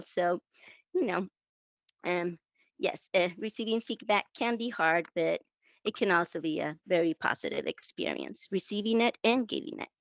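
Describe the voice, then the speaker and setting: In a conversational interview, a guest translator from the Canary Islands speaks in a mid-range voice, telling self-deprecating, reflective stories about her work. Her English is a second language with a Spanish accent. The recording is muffled with no echo.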